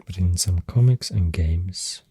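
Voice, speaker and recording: An ASMR host with a Swedish accent speaks softly, close to the mic, in a hushed, breathy, partly whispered voice that is halting and gentle. Her voice sits low, and there's no echo.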